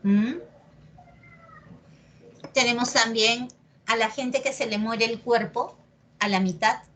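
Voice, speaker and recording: A woman with a Peruvian accent gives a lesson at an unhurried pace. She is patient and repeats key words slowly for emphasis. She often stops to check that her listeners follow. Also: a little high, fairly even intonation, fairly bright tone, slight background noise. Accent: Peruvian Spanish. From Peru. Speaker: pre-university Spanish teacher. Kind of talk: classroom lesson on accent marks.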